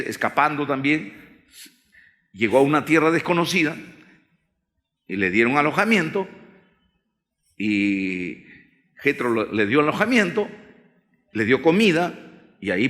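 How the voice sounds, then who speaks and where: A man's voice: mid-range voice, a bit bright. A man teaching a Bible story lesson, telling the story and asking the audience questions. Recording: long hall reverb.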